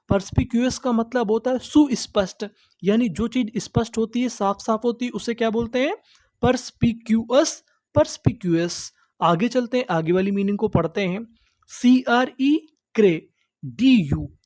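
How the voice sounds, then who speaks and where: A woman's voice: mid-range voice, darkish tone, no echo. A woman teaching English vocabulary, spelling each word letter by letter and asking and answering her own questions. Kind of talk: slow spelled-out vocabulary lesson.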